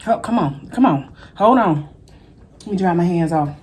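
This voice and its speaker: A woman's voice: fairly low pitch, expressive, a little mellow. A woman chatting casually and colloquially to viewers while eating crunchy fried chicken in a mukbang vlog. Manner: folksy, colloquial, drawn-out exclamations. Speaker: mukbang vlogger.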